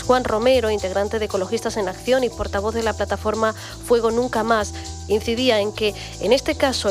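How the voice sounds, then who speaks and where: A woman reading the news and interviewing on local radio in a clear, measured way. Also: a little high. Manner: clear, measured newsreader delivery.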